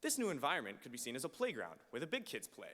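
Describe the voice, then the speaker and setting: Young man's animated podium speech, echoing hall. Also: mid-range voice, fast talker. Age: late teens. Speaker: high school valedictorian. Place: large auditorium stage. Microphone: podium microphone on a stand. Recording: reverberant hall through PA microphone.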